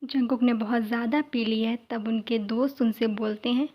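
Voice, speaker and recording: A woman's voice: on the high side, fairly even intonation, normal speed, slight background noise. A woman narrating a fan-dubbed story in a plain, explanatory way. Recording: dull, lo-fi sound.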